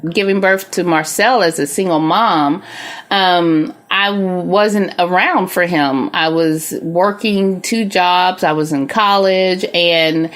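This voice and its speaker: A woman's voice: on the low side, a bit bright. A middle-aged woman hosting a podcast with her husband, teasing him and correcting his facts in casual chat. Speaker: podcast host, wife.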